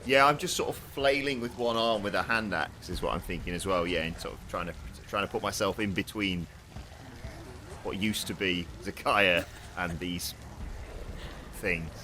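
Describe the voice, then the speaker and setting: A man's voice: low voice, normal speed, bright, forceful tone, slight background noise. A man chatting casually and jokily as a tabletop game player, hesitant and self-deprecating. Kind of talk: casual, jokey game chat.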